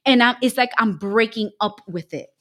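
A woman from Puerto Rico giving an animated personal faith testimony as a guest, speaking from her home over a video call and acting out the words of people in her story. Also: on the high side, moderate pace. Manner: animated, emphatic storytelling, acting out quoted speech. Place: her home, dining room.

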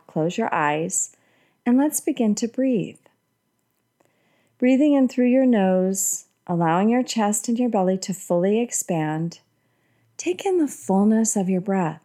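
A woman leading a guided breathing meditation in a calm, meditative, soothing tone. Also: mid-range voice. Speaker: podcast host and guided meditation leader.

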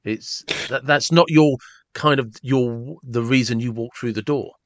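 Animated male podcast host, dry sound. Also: mid-range voice, measured pace, no echo. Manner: amused, animated storytelling. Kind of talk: casual conversation.

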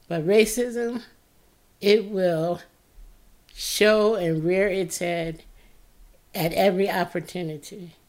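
Woman, tired voice, slow reflective narration, low pitch, earnest first-person read. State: tired-sounding voice. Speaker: podcast host.

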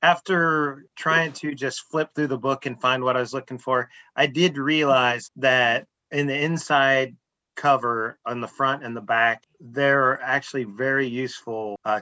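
A man co-hosts a tabletop game podcast and keeps the conversation moving. His bright, sharp tone comes through a dull, muffled recording, at a middle pitch. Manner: steering the conversation. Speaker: podcast co-host. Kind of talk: casual chat. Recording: dull lo-fi sound.

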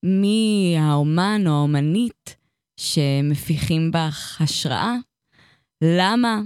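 A woman hosting an interview, warmly affirming and enthusiastic in casual chat. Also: deep voice, clear, resonant tone, no room sound, studio quality. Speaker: podcast host.

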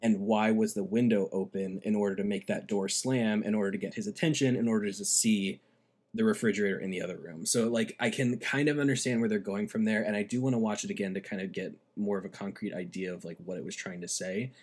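A man co-hosting a casual film review, talking in an opinionated, animated way. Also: lowish voice, fast talker. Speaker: podcast co-host.

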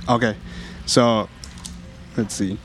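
A man's voice: on the low side, fairly even intonation, slow pace, fairly bright tone, a little hiss or hum. A man narrating as game master in a casual, laughing way with lots of fillers.

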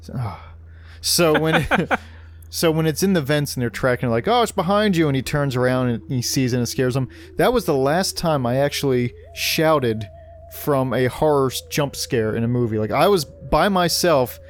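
A man's voice: medium pitch, normal speed, a little hiss or hum. A man hosting a casual podcast, rambling through filler words and joking at his own expense. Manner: rambling, filler-heavy, self-mocking. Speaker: podcast host.

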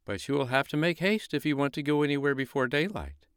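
A man voicing a calm, watchful moon who speaks in a measured, matter-of-fact way. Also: a little high, smooth, no echo, studio quality, voice pushed up. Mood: advising.

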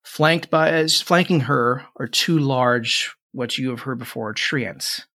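A man improvising descriptive narration as game master of a tabletop fantasy game, often halting and rephrasing as he goes. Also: mid-range voice, fairly even intonation, vocal fry, sharp tone.

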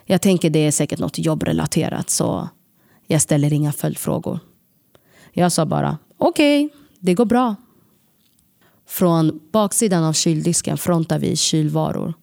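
A woman telling a personal story to an audience, lively and self-mocking, acting out the voices she quotes. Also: deep voice, gravelly, dry recording, studio quality.

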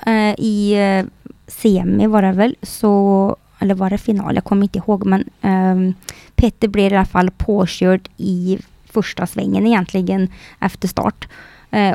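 A middle-aged woman tells her story as a guest, acting out quoted remarks and pausing often on small hesitations. Her voice is gravelly with a dark, mellow tone. The sound is dry and close, with no room echo. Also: medium pitch. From Sweden. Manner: lively storyteller who acts out quoted speech, many hesitations. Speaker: guest, racing team manager. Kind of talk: casual interview conversation.

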